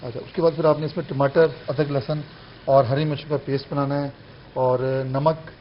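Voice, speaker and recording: A man with a somewhat high voice, a guest chef walking through a recipe step by step. The studio sound is dull and carries a faint hiss. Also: flat delivery. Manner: instructive, step-by-step. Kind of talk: explaining a recipe on TV.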